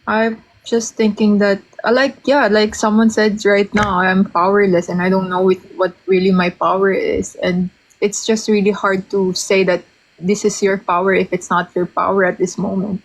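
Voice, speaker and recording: A woman's voice: mid-range voice, flat delivery, moderate pace, low-quality recording. A woman from the Philippines with a Filipino accent, a guest on a livestream, hesitantly searching for her words in a mix of Filipino and English. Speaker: interview guest. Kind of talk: casual livestream interview.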